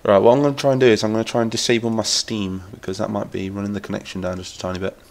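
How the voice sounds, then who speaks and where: A fairly low, rapid-fire male voice with little pitch movement and a slightly mellow quality belongs to an English streamer from Lincolnshire. Though nasal with a cold, he chats keenly while gaming, rambling and reading the chat out.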